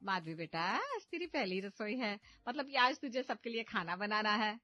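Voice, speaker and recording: A woman's voice: medium pitch, big pitch swings, moderate pace. Woman voicing a bossy scolding mother-in-law. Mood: instructing. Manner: scolding, loud and impatient. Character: bossy, sharp-tongued middle-aged mother-in-law. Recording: slightly dull audio with background music.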